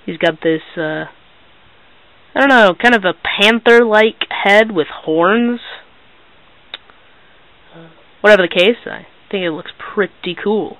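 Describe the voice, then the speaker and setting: A teenage boy giving a casual hands-on toy review in a hesitant, halting, low-key way. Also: pushed and bright, no room sound, low-quality recording. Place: small bedroom, indoors.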